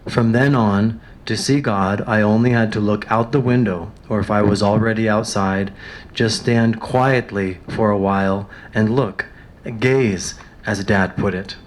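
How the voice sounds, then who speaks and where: A man reads passages aloud, then stops to retell them in his own words with plenty of pauses and fillers. His throat sounds a little dry. A faint rumble hums behind him. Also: steady tone. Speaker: reader of a biography.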